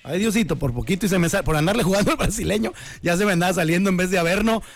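Talking very fast in a high voice, this Mexican-accented male radio host delivers a comedic monologue, playfully joking through a story and acting out voices. Faint music can be heard in the background.

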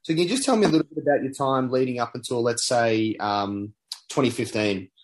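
A man's voice: mid-range voice, brisk. A man hosting an interview, asking questions in a hesitant way with many fillers and restarts. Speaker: interviewer, host. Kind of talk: casual interview.

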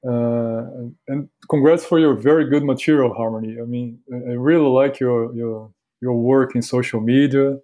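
A man with a Carioca Brazilian accent speaks as a podcast guest in a mellow, relaxed voice at a middling pitch. His English is halting and courteous, with words often repeated as he chats. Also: muffled recording. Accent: Carioca Brazilian Portuguese. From Rio de Janeiro, Brazil. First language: Brazilian Portuguese. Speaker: podcast guest, university academic. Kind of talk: casual interview conversation.

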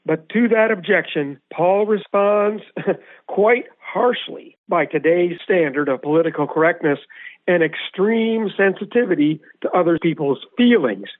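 A man with a somewhat high voice leads a radio Bible lesson, working through scripture step by step and quizzing his partner as he goes. The sound is thin and narrow like a phone line, with no room echo at all. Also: unhurried. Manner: methodical, explanatory, poses questions to co-host. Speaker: Bible teacher, radio host. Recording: tinny, phone-like radio audio.

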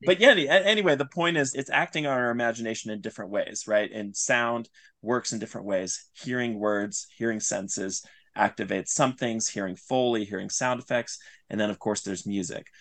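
Speaking at normal speed in a lowish, fairly bright voice with vocal fry, a male audio drama writer reflects on his craft as an interview guest. His explanation of his creative process is earnest, discursive and analytical.

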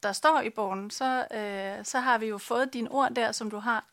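A woman's voice: a little high, steady tone, a bit bright. A woman interviewing an author, speaking hesitantly with many filler sounds. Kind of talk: casual conversation.

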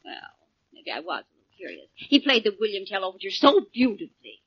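A gossiping, nosy neighbor lady in an old radio show, rattling on quickly with a lively, swooping voice. She gushes and barrels over anyone who tries to cut in. The recording has a dull, vintage broadcast sound with faint hiss. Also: mid-range voice. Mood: gushing. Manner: gushing, talks over others. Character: chatty, nosy woman neighbor. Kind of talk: 1940s radio acting.

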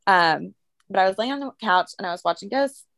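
A woman's voice: mid-range voice, lively intonation, a little fast, fairly bright tone, dry recording. A young adult woman co-hosting a podcast, telling stories in a chatty way with fillers and laughs. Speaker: podcast co-host. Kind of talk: casual chat.

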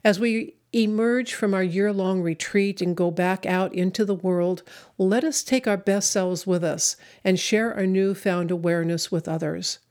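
A woman giving an inspirational spiritual talk in measured, reflective short phrases. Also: medium pitch, darkish tone. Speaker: spiritual speaker.

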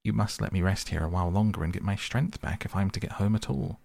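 A man's voice: on the low side, fast, gravelly, darkish tone, no room sound. A man voicing a small, timid mole who sounds tired, frightened and plaintive. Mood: weary pleading. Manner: plaintive and shaky.

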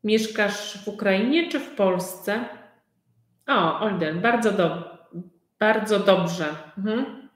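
Woman teacher, very slow, simple repeated questions, echoey room. For a language-class host. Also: mid-range voice. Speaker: Polish conversation teacher. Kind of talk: live online conversation class.

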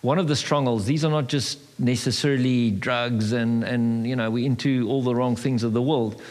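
A man of middle pitch leads a church teaching, steering his partner with questions and short prompts. His speech is loose and full of fillers. A long hall reverb follows his voice. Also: fairly even intonation, moderate pace, darkish tone. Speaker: pastor leading the teaching.

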